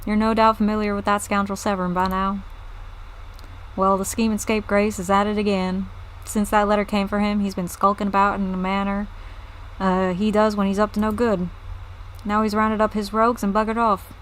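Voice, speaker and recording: A woman's voice: medium pitch, little pitch movement, takes it slowly, hardly any pauses, dark tone, a little hiss or hum, natural voice, rough recording. Casting: blustery old game farmer man who curses pirates with old-fashioned insults, put on by a woman streamer. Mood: gruff. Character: gruff older male farmer leader, blustery.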